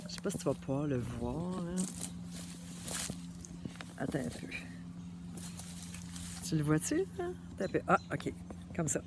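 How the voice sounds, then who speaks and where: A woman with a Québécois French accent, chatting casually straight to her viewers in an animated, familiar way. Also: deep voice, unhurried, long pauses, background noise. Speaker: vlogger.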